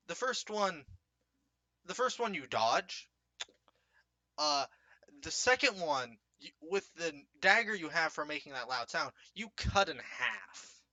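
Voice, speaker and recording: A man's voice: a little high, sharp tone, no room sound. A young man narrating a tabletop game as game master, hesitant, with many fillers and restarts.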